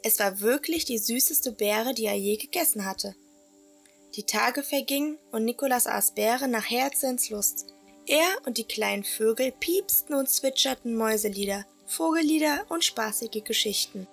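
A woman tells a children's story in a gentle, expressive way. Her fairly high voice carries a gravelly edge, and soft music plays faintly beneath her. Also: moderate pace. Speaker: narrator. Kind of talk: storybook narration for a radio play.

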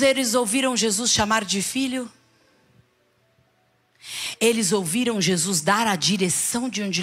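A middle-aged Brazilian woman bishop preaching to a congregation, animated, with rhetorical questions and calls for the people to repeat after her. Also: medium pitch. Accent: Brazilian Portuguese. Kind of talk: sermon.

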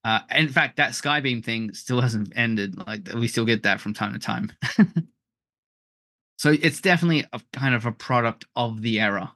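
Bright-voiced male podcast co-host. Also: mid-range voice, normal speed, no room sound. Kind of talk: casual film discussion.

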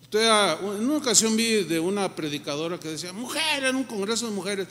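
A man preaches in a fairly high voice, his lively delivery slipping into little acted-out reactions. His sermon rings with a long tail of reverb from a large hall. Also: fairly quick. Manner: animated, acts out quoted reactions. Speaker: pastor.

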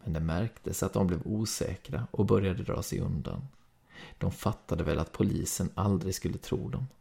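A man with a Swedish accent reading a story aloud in calm, steady first-person narration. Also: low voice, vocal fry, breathy edge. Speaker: podcast reader.

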